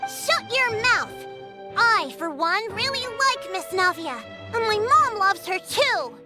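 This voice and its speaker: Stubborn little girl, very high and drawn out. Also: very animated, full character voice. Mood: defiant. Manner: defiant, slow and emphatic. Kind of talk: game voice acting. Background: loud game music.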